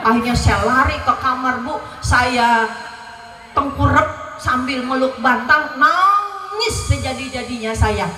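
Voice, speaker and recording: A woman's voice: high-pitched, slow pace, sharp tone, soft background music. A woman preaching a sermon, telling a story and acting out the dialogue of her mother and her neighbours, often addressing the women listening. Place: large venue at a religious gathering. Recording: echoey hall recorded from far off.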